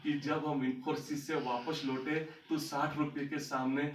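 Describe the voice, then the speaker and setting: Guy telling stories on stage, slightly high voice, sounds far off in a big echoey hall. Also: flat delivery, unhurried, a little hiss or hum. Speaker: motivational speaker. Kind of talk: storytelling talk on stage.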